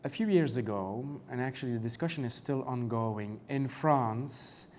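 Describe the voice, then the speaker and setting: On a conference panel, a canon law professor with a European accent speaks in a measured way, using many fillers and rhetorical questions. His voice is medium-pitched and a little mellow. A faint hiss or hum runs through the audio.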